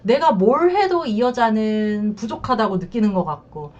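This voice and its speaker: A woman counselor talks frankly and colloquially, her pitch bouncing up and down with lively expression. She slips into quoted voices as she explains. The recording sounds dull and lo-fi. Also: moderate pace. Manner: blunt and colloquial, acts out quoted lines. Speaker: marriage and infidelity counselor. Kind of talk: advice talk to camera.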